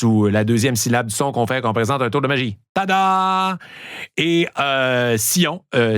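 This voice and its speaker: Lively Québécois man joking around. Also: medium pitch, no room sound. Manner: playful, exaggerated punchlines. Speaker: host. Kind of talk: comedic monologue.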